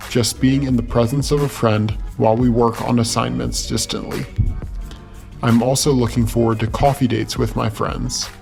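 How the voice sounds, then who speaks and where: A man's voice: mid-range voice, gravelly. A man voicing a cheerful, big-bellied mascot creature through a voice changer that disguises his voice, talking in an upbeat, jokey way. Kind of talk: scripted campus safety video.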